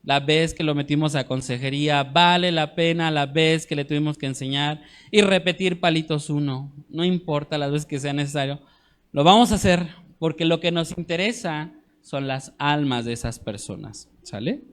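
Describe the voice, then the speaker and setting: A man teaching a church discipleship class, earnest, often checking in with his listeners and slowing down to stress scripture. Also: a little high, clear, resonant tone.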